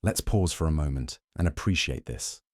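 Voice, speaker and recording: A man reading scripted bedtime relaxation narration in a gentle, soothing, unhurried manner. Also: a bass voice, expressive, no room sound, studio quality. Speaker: narrator of a sleep science channel.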